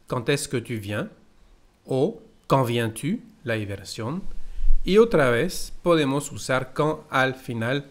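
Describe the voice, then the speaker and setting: Slow-paced French teacher, man. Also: medium pitch. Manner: slow, careful explanations with French example phrases. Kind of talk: language lesson.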